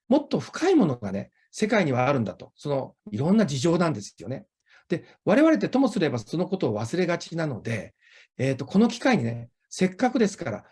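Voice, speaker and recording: This is a native Japanese interview host with a Japanese accent. The delivery is conversational and highly animated in intonation, moving freely around a mid-range pitch. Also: husky.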